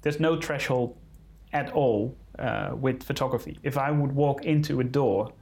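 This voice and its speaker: Male interviewee, non-native speaker, careful English, conversational, gravelly creak, mid pitch. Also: measured pace, darkish tone. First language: not English. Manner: careful English, searching for words. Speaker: conservation photographer being interviewed.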